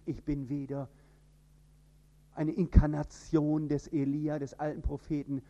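Man, northern German preacher, emphatic sermon, mellow warm tone, dull lo-fi recording. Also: flat delivery, measured pace. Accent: standard High German. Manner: emphatic, with sudden rises in pitch and loudness.

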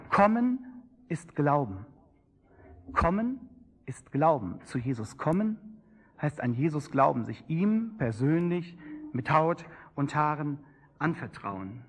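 A man's voice: high voice, fairly bright tone. A man preaching a sermon with an emphatic, rising and falling cadence.

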